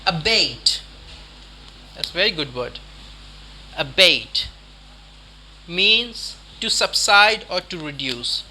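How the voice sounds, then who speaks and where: A man teaching English vocabulary in a lesson, repeating each word slowly and quizzing the listener. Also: on the high side, animated, bright, forceful tone, a little hiss or hum. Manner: slow, repeats words deliberately, quizzes the listener.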